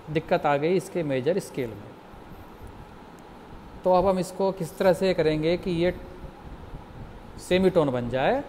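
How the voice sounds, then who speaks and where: A man with a high-pitched, slightly mellow voice teaches music theory in a slow, patient lecture, going through each step and asking the class questions. A faint hiss or hum sits in the recording.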